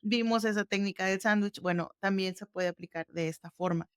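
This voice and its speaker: A woman's voice: medium pitch, brisk, clean tone, dry recording, clean studio sound. A woman hosting a podcast, explaining exercises step by step in a casual, conversational way. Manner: explains step by step, conversational, warm fillers like "ujú". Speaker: podcast host.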